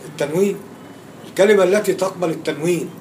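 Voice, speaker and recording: Egyptian-accented male grammar teacher, slightly high voice, questions the class, faint room hiss. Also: fast. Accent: Egyptian Arabic. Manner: quizzing students, repeating and stressing key words. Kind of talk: classroom lecture with questions to students.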